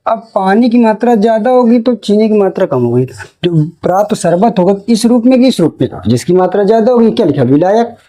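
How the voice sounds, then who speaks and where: High-voiced man teaching chemistry. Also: animated, warm tone, rough recording. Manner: asks questions and answers them himself; repeats key terms slowly. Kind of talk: classroom lecture for board exam.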